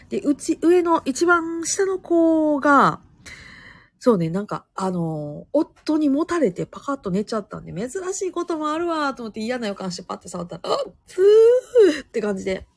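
A woman's voice: sits high, creaky, slightly rough, no room sound. A woman with a Kansai accent hosting a casual solo chat show, telling rambling stories full of asides. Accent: Kansai Japanese. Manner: rambling, chatty storytelling with many asides. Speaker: podcast host.

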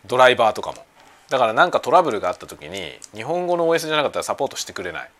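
A man hosting a casual chat show, talking in a relaxed, rambling way over lunch at home. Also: mid-range voice, very fast. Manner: relaxed rambling talk while eating lunch. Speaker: podcast host. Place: home kitchen with everyday sounds. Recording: faint household background noise.

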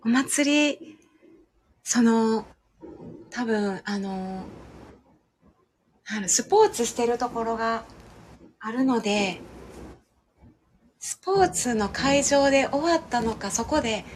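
A woman's voice: a little high, slow pace, long pauses. A woman with a Kansai accent hosting a casual live chat from home over dinner, talking chattily and reading out listener comments. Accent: Kansai Japanese. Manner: chatty, laughs often, reads comments aloud. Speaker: livestream host.

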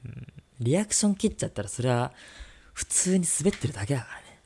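Male podcast co-host, casual teasing banter, animated pitch, some vocal fry. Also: fast talker, a little hiss or hum. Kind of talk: casual radio-style chat.

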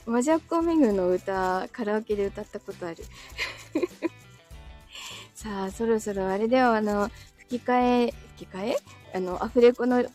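A woman's voice: medium pitch, moderate pace, warm tone, soft background music. A woman hosting a casual live stream from home, chatting with listeners, reading their comments aloud and laughing often between phrases. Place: indoors at home.

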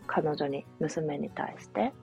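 A young woman, a mother, telling a personal family story in a soft, reflective, casual way with many fillers. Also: deep voice, slow, vocal fry. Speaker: podcast host, mother. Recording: faint music behind.

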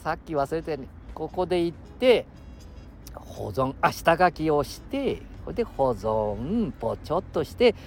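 A man's voice: fairly high pitch, big pitch swings, measured pace, gravelly, a little mellow. Rambling man in his sixties with a Nagoya dialect. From Aichi, Japan. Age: 60s. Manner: rambling, jumps between topics, chuckles often. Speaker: podcast host. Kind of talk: casual solo chat. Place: outdoors by the seashore.

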